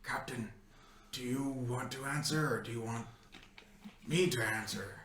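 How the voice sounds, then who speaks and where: A man voicing a dutiful male half-orc first mate who speaks in low, deferential asides. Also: unhurried, echoey room, background noise, lightly acted. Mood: hushed.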